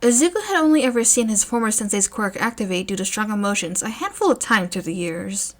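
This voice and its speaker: A woman narrating a story, her voice at a middle pitch that rises and falls with lively expression. She reads at a measured pace. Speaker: narrator, fanfiction reader.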